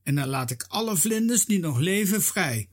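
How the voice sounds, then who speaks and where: A storyteller voicing a stubborn, bold little girl in a read-aloud children's story, with a husky, raised voice. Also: mid-range voice, lively intonation, pitched above the performer's own voice, natural voice. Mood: defiant. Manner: defiant, quick-tempered.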